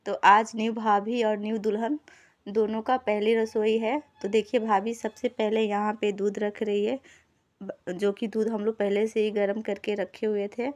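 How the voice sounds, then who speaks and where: Woman vlogger for a casual voice-over; warm, dark timbre, level and even, talks viewers through each step. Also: medium pitch, moderate pace. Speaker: lifestyle vlogger. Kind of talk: casual voice-over narration of cooking footage.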